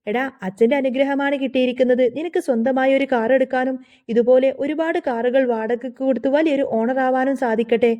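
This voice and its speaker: A proud young businessman, self-assured and mocking toward his rivals, as a woman storyteller voices him. The tone stays high and mellow. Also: fairly even intonation, fairly quick, natural voice. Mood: confident.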